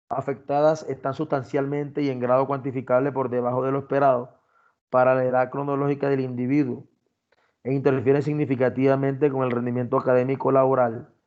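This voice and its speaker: Male lecturer, mid pitch, methodical teaching delivery, dull muffled recording. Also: a little mellow. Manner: explains criteria step by step, addresses students directly. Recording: dull lo-fi sound.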